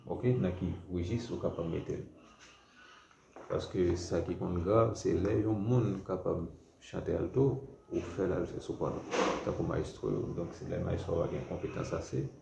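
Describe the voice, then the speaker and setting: Deep gravelly Haitian man teaching. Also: moderate pace. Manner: repetitive, checks in with "ok?". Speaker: music teacher. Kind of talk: classroom lesson. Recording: roomy, dull lo-fi recording with faint noise.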